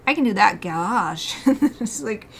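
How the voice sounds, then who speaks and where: A husky, mid-range female voice with lively intonation and a measured pace. The speaker is an American artist streaming her drawing, chatty and giggly, reading comments from chat and talking to herself as she works.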